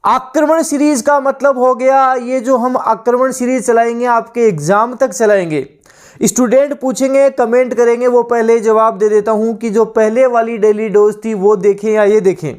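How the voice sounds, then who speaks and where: A man's voice: very high voice, a little mellow. A man teaching an exam-prep class in Hindi, urging students on and drilling word lists by repetition, with a Rajasthani Hindi accent. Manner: urgent, motivating, repeats word lists drill-style. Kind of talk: exam-prep online lesson.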